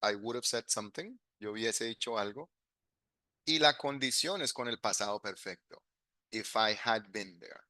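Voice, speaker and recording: A man teaches a live online English class, working through grammar step by step and moving back and forth between Spanish and English examples. His voice is bright and forward, and it sounds dry and close, with no room around it. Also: lowish voice, unhurried, no echo.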